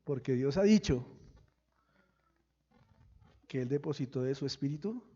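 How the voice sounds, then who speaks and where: A pastor preaching a sermon, firing questions at the congregation and breaking into sudden loud bursts. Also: male voice, medium pitch, animated, unhurried, breathy edge, highs cut off. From Colombia.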